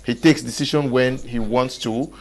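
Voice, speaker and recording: A man's voice: medium pitch, steady tone, normal speed, darkish tone. A man hosting a panel debate, probing and interjecting with pointed questions. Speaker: talk show host.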